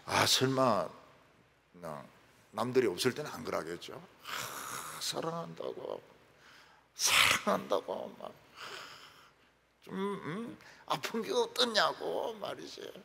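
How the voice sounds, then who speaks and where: A man is preaching a lively sermon, his husky voice sitting a little high and rising and falling freely. He jokes and acts out little scenes. The sound carries a long reverb from the church hall. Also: slow. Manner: animated, joking, acts out quoted phone calls and prayers. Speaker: pastor. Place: church sanctuary.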